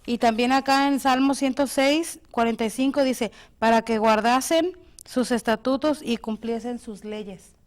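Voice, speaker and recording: A woman's voice: fairly high pitch, steady tone, unhurried. A woman co-hosting a devotional show, steadily explaining and reading Bible verses aloud. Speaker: co-host.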